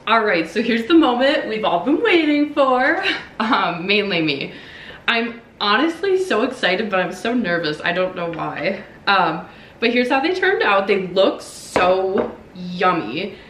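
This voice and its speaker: A woman's voice: mid-range voice, very animated, unhurried, a bit bright, a little hiss or hum. Chatty young woman, echoey kitchen. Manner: chatty, hesitant, many ums and likes. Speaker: cooking vlogger. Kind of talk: casual chat. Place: home kitchen. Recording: echoey room, mic far off.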